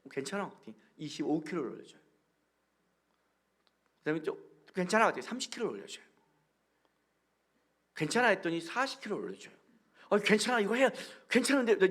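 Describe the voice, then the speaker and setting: Animated male pastor preaching. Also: on the high side. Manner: animated storytelling with acted-out dialogue. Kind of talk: guest sermon.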